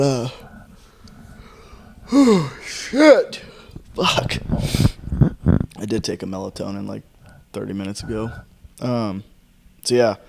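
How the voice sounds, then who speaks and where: A man's voice: fairly low pitch, a little mellow, slight background noise. A young man hosting a casual fireside book chat, tired and rambling, swearing freely with sighs and yawns. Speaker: podcast host.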